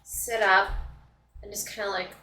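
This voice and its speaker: A woman's voice: mid-range voice, flat delivery, moderate pace, sharp tone. A woman playing a tabletop game, talking in a casual, giggly way. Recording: echoey room, faint noise.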